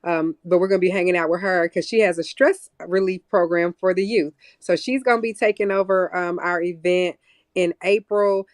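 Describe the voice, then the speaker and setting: A woman's voice: on the low side, a little mellow, no room sound. Interview guest, female, Southern American accent, earnest and list-making, dry close mic. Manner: earnest, explains plans in long lists. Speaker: guest, youth program leader. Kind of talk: casual interview talk.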